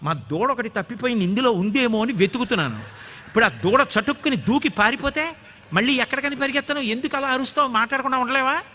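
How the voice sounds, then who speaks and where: A man voicing a quick-witted little cowherd boy who answers back with cheeky, complaining retorts. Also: high-pitched, animated, fairly bright tone, long reverb tail, slight background noise. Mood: cheeky annoyed.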